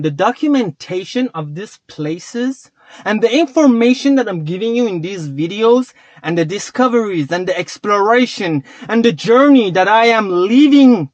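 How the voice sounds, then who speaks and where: With no room sound in the dull, lo-fi recording, a high-voiced man talks loosely to his chat in a vlog. English is not his first language, and he swears and wanders as he goes.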